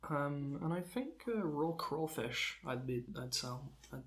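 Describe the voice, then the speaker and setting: A young man co-hosting a podcast, joking deadpan in a rambling, casual way with plenty of filler words. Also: on the high side, unhurried. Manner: rambling, deadpan jokes, frequent "um" and laughter. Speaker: podcast co-host. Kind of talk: casual comedic chat.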